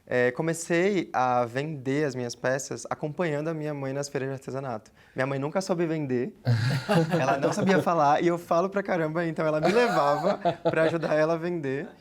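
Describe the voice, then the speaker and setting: A man's voice: a little high, brisk. A man in his twenties from the Amazonas region of Brazil, a guest in an interview who speaks in a chatty, reflective way and often adds tag fillers. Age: 20s. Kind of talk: casual interview talk.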